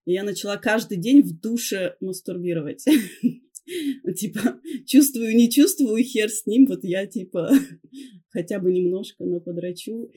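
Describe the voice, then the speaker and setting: A woman's voice: mid-range voice, animated, a little slow, warm tone, slightly rough. A woman in her thirties or older, a podcast guest telling personal stories casually and candidly, with self-mockery and swearing. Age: 30s or older. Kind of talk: casual confessional storytelling.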